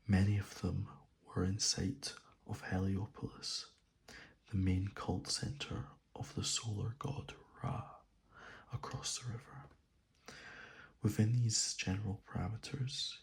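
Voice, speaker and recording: Male ASMR reader: hushed, breathy half-whisper with a gravelly creak, slow, gentle, unsure delivery. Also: fairly low pitch. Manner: gentle, hesitant, unhurried. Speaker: ASMR video host. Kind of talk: soft-spoken ASMR reading.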